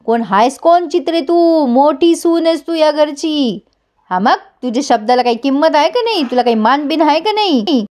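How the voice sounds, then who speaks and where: A woman's voice: sits high, lively intonation, normal speed, darkish tone. A woman voicing a scheming older mother-in-law who lectures and commands. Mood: bossy lecturing.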